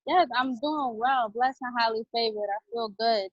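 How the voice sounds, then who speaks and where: A woman from Barbados with a fairly high voice asks a question on a video call. She is polite and full of greetings, with pauses and fillers as she goes. The audio is dry and muffled. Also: dry recording. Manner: warm greetings, hesitant with fillers. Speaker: webinar participant.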